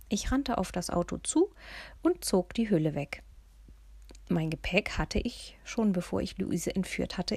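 A woman reading a humorous first-person story aloud, lively, often dropping into hushed whispers. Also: lowish voice, breathy edge, no room sound. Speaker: audiobook narrator.

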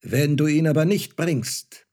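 A man's voice: a little high, unhurried, warm tone, pitched above the performer's own voice. A man voicing a cruel sorcerer in a storybook reading, with a stern, threatening manner.

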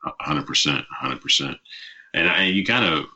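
A man's voice: a bass voice, expressive, brisk, pushed and bright, breathy edge. A man hosting a podcast, asking long, rambling questions filled with "you know" and affirming the guest. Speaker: podcast host. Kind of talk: casual interview questions. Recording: slightly dull podcast audio.

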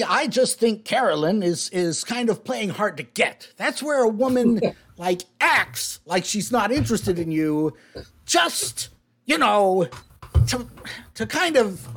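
Guy playing a gabby gnome, rambly and halting, voice jumps around a lot. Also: sits high, very animated, fairly bright tone, voice pushed up, heavily acted. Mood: confiding. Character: chatty male gnome giving love advice.

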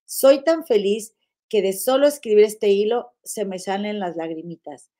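A woman's voice: medium pitch, measured pace. Chatty woman hosting a live stream. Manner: chatty, affectionate, uses many diminutives and "comadre"; frequent fillers and restarts, animated swings in loudness. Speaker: live-stream podcast host. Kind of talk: casual live chat reading viewer comments.

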